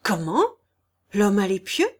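Woman putting on a jumpy bailiff guy from a storybook, high and shrill, stretches out his cries. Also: expressive. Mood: agitated. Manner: shrill, drawn-out exclamations. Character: timid, excitable middle-aged male bailiff.

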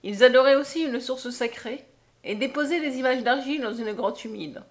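A woman narrating a literary audiobook in a measured, expressive manner. Her voice sits a little high for a woman, and she gives the long sentences a steady, deliberate shape. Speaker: audiobook reader.

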